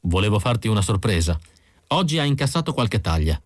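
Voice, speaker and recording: A male reader as a weary bounty hunter in a storybook reading, low-voiced and guarded. He speaks quietly and keeps himself in check, and the sound is close and dry. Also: big pitch swings, a little fast, no room sound. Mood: terse. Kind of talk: audiobook reading.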